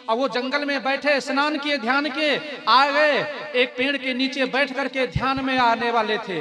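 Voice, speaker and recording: High-voiced man telling a devotional story. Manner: animated storytelling, addressing the audience. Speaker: religious storyteller. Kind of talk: devotional katha sermon. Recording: music behind the voice.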